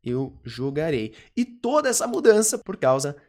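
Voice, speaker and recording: Brazilian teacher voice, careful and slow, drills each phrase, mid pitch. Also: very animated, a little mellow. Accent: Brazilian Portuguese. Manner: slow, deliberate, repeats and drills example phrases. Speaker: English teacher. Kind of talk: online language lesson.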